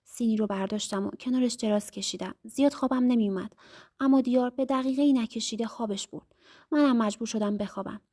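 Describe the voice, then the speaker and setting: A woman narrating a first-person story in an intimate, lively storytelling manner. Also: on the high side.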